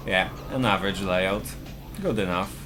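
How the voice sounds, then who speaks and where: With a low voice at a moderate pace, a Polish-accented man from Poland narrates his live speedrun, explaining his tactics in plain terms. Game music plays in the background.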